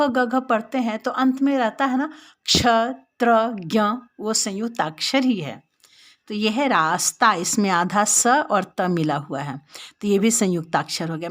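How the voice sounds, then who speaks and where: A woman with an Indian accent teaching a lesson to young children, patiently explaining step by step and repeating words. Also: mid-range voice. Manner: addresses the children directly.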